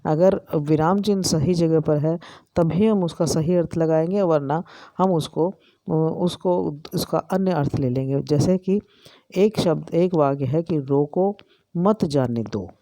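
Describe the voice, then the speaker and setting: A middle-aged woman with an Indian accent, an education lecturer, explaining slowly with many pauses and fillers. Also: low voice, warm tone, no echo. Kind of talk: recorded lecture.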